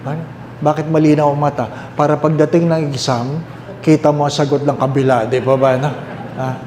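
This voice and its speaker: Filipino priest guy preaching, slightly high voice, roomy echo, faint hum behind. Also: flat delivery, a little mellow. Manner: mixes English and Tagalog, asks the listeners questions; repeats key phrases slowly. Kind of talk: sermon.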